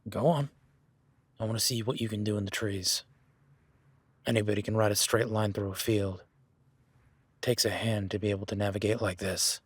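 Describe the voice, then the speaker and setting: A man plays an easygoing cowboy rancher, his voice on the low side, slightly rough and steady at a moderate pace with long pauses, recorded without room sound. In a first-person roleplay directed at the listener, he teasingly sizes up a new ranch hand. He stays laid-back and talks softly to his horse.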